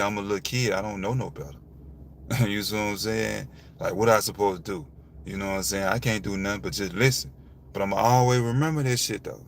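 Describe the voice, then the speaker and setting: A man's voice: mid-range voice, creaky, a little hiss or hum. A young man talks frankly and with animation about his father, often asking "you see what I'm saying". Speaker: vlogger. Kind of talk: casual talk to camera.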